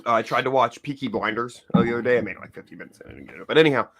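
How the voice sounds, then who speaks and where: A man's voice: mid-range voice, racing. A man co-hosting a podcast, rambling through casual chat with lots of fillers. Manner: rambling, animated, filler-heavy. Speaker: podcast co-host.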